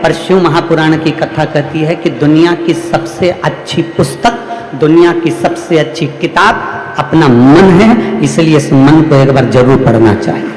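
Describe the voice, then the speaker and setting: A man's voice: fairly high pitch, a little slow, a little mellow. A man preaching a devotional sermon to a large gathering, with repetitive, rhythmic, emphatic phrasing. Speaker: preacher telling a religious discourse. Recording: echoey hall with long reverb.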